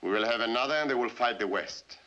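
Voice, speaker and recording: An actor playing a cold, menacing Soviet general in a 1950s film. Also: male voice, mid-range voice, fast talker, pushed and bright, lightly acted. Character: ruthless cold Soviet general, middle-aged man. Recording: dull 1950s film soundtrack.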